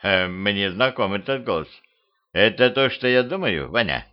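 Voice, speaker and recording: A man voicing a gruff older watchman who grumbles in an exasperated way. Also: fairly low pitch, expressive, normal speed, natural voice. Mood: grumbling. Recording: dull lo-fi home recording.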